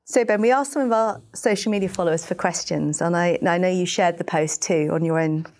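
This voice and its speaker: A woman's voice: lowish voice, a little fast, a little mellow. A woman interviewing an author, asking friendly questions and reading out questions sent in by fans. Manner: friendly, reads out fan questions.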